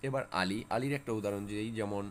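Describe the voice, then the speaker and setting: A man with a lowish voice and fairly even intonation talks fast, with slight background noise, as he teaches spelling rules to exam students. He often repeats key words and asks questions that he then answers himself.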